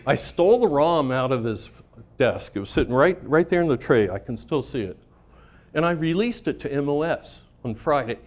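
A middle-aged man spinning workplace anecdotes at a conference, his voice sitting at an ordinary middle pitch. He talks casually and swears freely, laughing at his own stories. He keeps tossing "right?" to the crowd. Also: expressive, normal speed. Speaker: conference speaker. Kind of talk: storytelling talk to a live audience.

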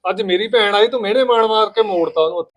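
A man playing a village husband caught between his wife and his sister, talking in a rapid, pleading way in a family skit. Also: sits high.

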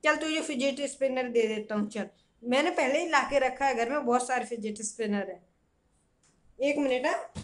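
A man's voice: very high-pitched, normal speed, a bit bright, pitched below the performer's own voice. A young man playing a stern, stingy father who nags and scolds his son in a comedy sketch. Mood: defensive. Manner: nagging, scolding.

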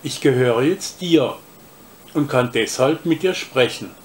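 A haughty little porcelain cat from a storybook speaks down to the boy who owns her, voiced by a man reading aloud. Her delivery is slow and unhurried, with a plain middle pitch lifted now and then. The tone stays prim and superior. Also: lightly acted.

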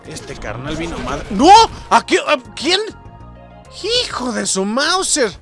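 A young man with a Mexican accent commenting on his own game play, excitable and quick to swear and shout. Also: extremely high pitch. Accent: Mexican Spanish. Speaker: gaming streamer. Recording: game music loud behind the voice. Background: game music.

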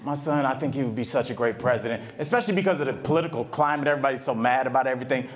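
A middle-aged man doing a stand-up comedy set at a live event, talking in a conversational, animated way with lots of asides. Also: medium pitch, very fast. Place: live event venue with audience. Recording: live venue with loud crowd. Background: audience laughter.

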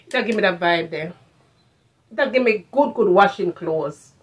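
With a medium pitch, a breathy edge, and an animated but slightly slow delivery, the woman chats to camera about her shopping haul. She is middle-aged with a Jamaican accent, filming indoors in a furnished home room, and she shifts into patois and repeats phrases for emphasis.

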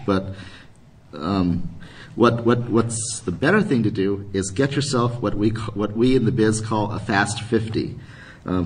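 A man with a low, slightly husky voice explains camera gear to a convention audience, stopping and restarting often as he goes. He sounds a little off the mic, caught from a short distance in the panel room. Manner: hesitant, many restarts and ums. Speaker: photography workshop presenter. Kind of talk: live convention workshop talk.

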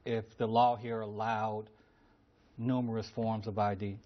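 A man co-hosting a TV political show, putting brisk, short questions in a news studio. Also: fairly low pitch, little pitch movement, highs cut off. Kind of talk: TV studio interview.

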